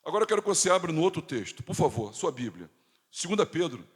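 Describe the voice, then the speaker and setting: Emphatic Brazilian pastor preaching in a hall. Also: male voice, on the high side, sing-song, fast, husky. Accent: Rio de Janeiro Portuguese. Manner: emphatic, swings between loud and hushed. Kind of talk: sermon. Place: church. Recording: hall reverb.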